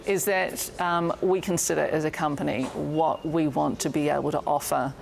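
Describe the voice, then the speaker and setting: A woman answers an interview haltingly. Her voice is low-pitched with noticeable vocal fry. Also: steady tone.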